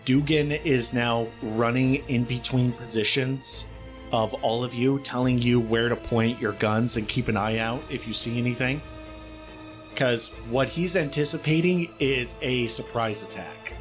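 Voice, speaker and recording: A man narrating a tabletop role-playing game as game master in calm, descriptive storytelling. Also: medium pitch, measured pace, over music.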